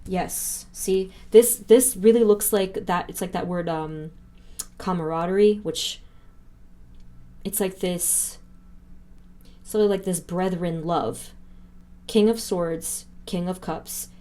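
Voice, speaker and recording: A woman's voice: lowish voice, slow, long pauses, warm tone. A woman giving a pick-a-card tarot reading, earnest and emotional, often exclaiming in wonder as she talks through the cards. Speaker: tarot reader.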